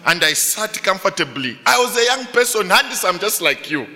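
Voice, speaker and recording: A middle-aged male pastor preaching to students, telling a story with animated delivery and frequent rhetorical questions. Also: sits high, moderate pace, long reverb tail, slight background noise. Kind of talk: sermon to students.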